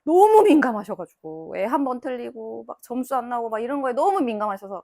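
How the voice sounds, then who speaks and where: A woman's voice: a little high, fast talker, dry recording, studio quality. A middle-aged woman, an author and English tutor, giving a talk to parents in a small library book cafe, acting out quoted mothers and children. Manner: animated, acts out mothers and children in quoted lines. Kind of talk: lively lecture to parents.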